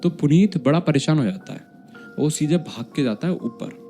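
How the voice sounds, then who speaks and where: A man's voice: fairly high pitch, expressive, moderate pace, dark tone, soft background music. A man telling a horror story in a casual, chatty way, with asides to his listeners.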